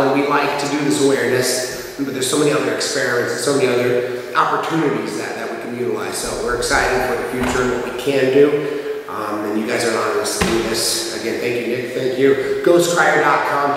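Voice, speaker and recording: A man's voice: mid-range voice, fairly bright tone. A man in his thirties hosting a paranormal investigation, talking earnestly to viewers with many fillers. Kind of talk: casual ghost-hunt talk to viewers. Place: old church hall, indoors. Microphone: far camera. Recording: echoey hall from far off, noisy.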